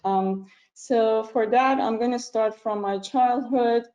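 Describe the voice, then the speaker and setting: A middle-aged woman from Iran, a physician, giving an earnest personal talk over a video call, pausing often with ums. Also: fairly high pitch, steady tone, dark tone, muffled recording. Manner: earnest, halting with frequent ums. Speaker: physician speaker.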